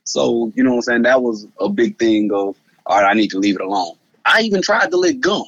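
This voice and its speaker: A man's voice: mid-range voice, expressive, brisk, fairly bright tone, dry recording, highs cut off. A man, talking loosely and repeating words in a casual conversation, laughing often. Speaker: guest.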